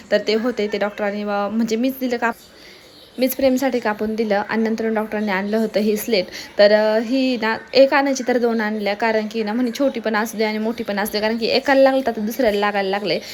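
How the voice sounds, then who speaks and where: A woman's voice: medium pitch, slight background noise. A young woman narrating her family's day in a casual, rambling way, full of fillers. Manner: chatty, rambling storytelling with many fillers. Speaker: family vlogger.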